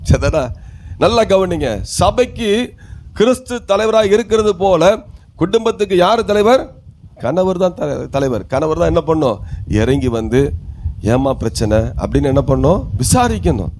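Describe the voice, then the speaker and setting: A man's voice: sits high, expressive, normal speed, a little mellow, a little hiss or hum. A male pastor with a Tamil Nadu accent, preaching a sermon and asking his congregation questions, with calls of hallelujah.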